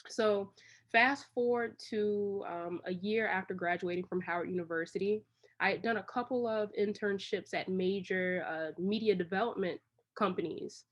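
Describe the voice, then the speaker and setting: Answering as an interview guest, this Washington, D.C. woman, a creative director, tells long, rambling stories in a casual way. Her mid-range voice comes through on a muffled recording.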